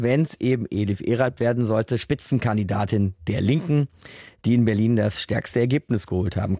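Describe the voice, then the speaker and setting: A man hosting a live radio show, interviewing a guest in a brisk, conversational way with probing follow-up questions. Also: medium pitch, mellow, dry recording, studio quality. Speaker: radio host. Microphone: studio microphone.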